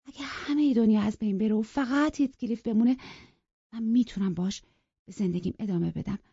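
A woman's voice: fairly high pitch, vocal fry, warm tone, husky, dry recording, voice pushed up. A woman voicing a passionate, headstrong young woman in love, talking in an impassioned, pleading and defiant way. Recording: dry, dull lo-fi recording.

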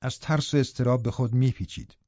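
Male audiobook narrator, measured literary reading, dry close sound. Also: mid-range voice, dry recording. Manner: measured, even storytelling. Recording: dull lo-fi recording.

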